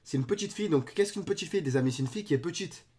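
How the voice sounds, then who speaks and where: A young man giving excited reaction commentary on videos, joking and exclaiming in disbelief. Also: on the high side, very fast.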